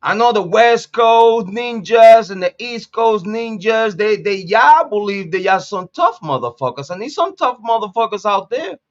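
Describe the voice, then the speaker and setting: A man's voice: high-pitched, expressive, moderate pace, hardly any pauses, highs cut off. A man in his late forties from Puerto Rico, hosting a casual commentary monologue in a blunt, profane way, repeating phrases for emphasis. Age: 40s. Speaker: commentary channel host.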